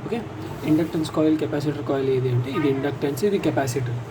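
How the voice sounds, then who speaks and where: A man with a Telugu accent, his voice a little high and steady, teaches a circuit diagram to students in an informal lesson mixing Telugu with English terms. He explains step by step, poses questions and answers them himself, and slows down to dictate English sentences. The distant mic picks up noisy vehicle sounds.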